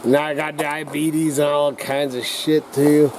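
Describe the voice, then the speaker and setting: A middle-aged or older man with slightly slurred speech, rambling casually to camera as a vlogger in a halting, folksy, coarse-mouthed redneck way. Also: fairly high pitch, flat delivery, noisy background. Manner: halting, drawn-out, searching for words.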